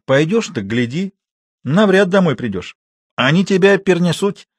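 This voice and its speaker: A man voicing a gloomy, superstitious old village night watchman who talks slowly in rustic speech. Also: on the high side, sing-song, no room sound, voice pushed up. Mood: gruff, mysterious. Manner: slow, dialect-heavy, mysterious.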